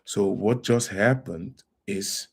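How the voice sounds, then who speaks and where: A man hosts a casual livestream lecture in an unhurried, drawn-out way. His voice sits on the lower side. He reads viewer comments aloud, addresses his audience as family, and lets his phrases trail off between thoughts. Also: vocal fry, a little mellow, breathy edge. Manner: calls listeners fam and family; halting delivery with trailing phrases. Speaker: livestream host.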